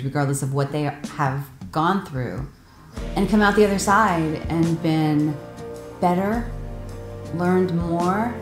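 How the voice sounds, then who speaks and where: A woman talking chattily and candidly in an interview about contributing a story to a book. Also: low-pitched. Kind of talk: casual interview talk. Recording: roomy with faint music.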